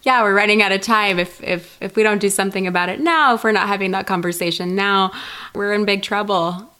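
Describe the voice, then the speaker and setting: A woman co-hosting a podcast, chatting earnestly and quickly agreeing with her co-host. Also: mid-range voice, fairly even intonation, bright, forceful tone. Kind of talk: casual podcast chat.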